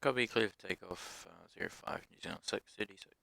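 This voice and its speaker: Low-voiced man making pilot headset callouts. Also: brisk, gravelly, dry recording. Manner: terse clipped callouts. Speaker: virtual airline pilot in a flight simulator. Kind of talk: pilot radio calls and cockpit callouts on a headset. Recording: steady background noise hum.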